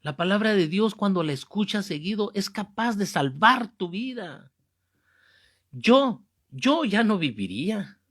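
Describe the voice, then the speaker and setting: A man's voice: high-pitched, very animated, unhurried, fairly bright tone. Fervent preacher man in his fifties. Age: 50s. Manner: fervent, emphatic, repeats key phrases. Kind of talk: Bible class preaching.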